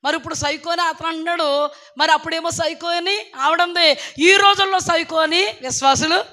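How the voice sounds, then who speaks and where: Hoarse lady preacher, forceful bright voice, keeps firing questions, goes loud then quiet. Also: extremely high pitch, steady tone, a little fast. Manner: emphatic, fires rhetorical questions at listeners; swings between loud bursts and soft asides. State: hoarse, losing her voice. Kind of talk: sermon.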